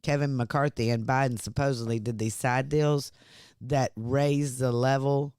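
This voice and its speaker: A man's voice: mid-range voice, fairly even intonation, measured pace, a little mellow, clean tone, dry recording, studio quality. A man, co-hosting a political talk podcast and reading news items aloud in a conversational way. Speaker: podcast co-host.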